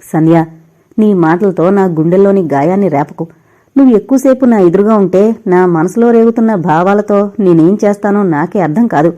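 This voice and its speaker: A heartbroken young man pours out pained, bitter words, begging his lost love to leave him. A woman reads him in an audio novel. The voice stays mellow and warm. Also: medium pitch, fairly quick, muffled recording, close to an everyday voice. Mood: anguished. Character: heartbroken young man drinking himself to ruin.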